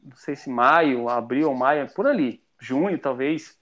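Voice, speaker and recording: A man's voice: medium pitch, a little slow, a bit bright. A Brazilian man chatting casually as a podcast guest, rambling and restarting his sentences often. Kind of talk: casual chat.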